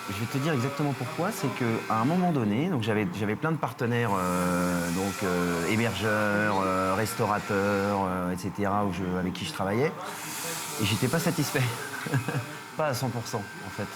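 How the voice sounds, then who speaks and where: A man's voice: on the low side, moderate pace, background noise. A middle-aged man from France who runs a surf school, talking in a casual interview, hesitant with many fillers and restarts.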